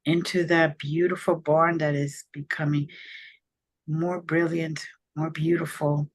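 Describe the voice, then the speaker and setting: Woman doing a guided meditation, deep-ish soft voice, really slow, lots of pauses. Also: flat delivery, breathy edge. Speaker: spiritual channeler leading a guided meditation.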